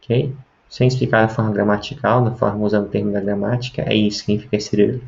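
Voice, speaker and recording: Gravelly low-voiced man teaching. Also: flat delivery, quick pace, darkish tone, dull audio. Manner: explanatory, with frequent tag questions. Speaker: language teacher. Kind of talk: video lesson.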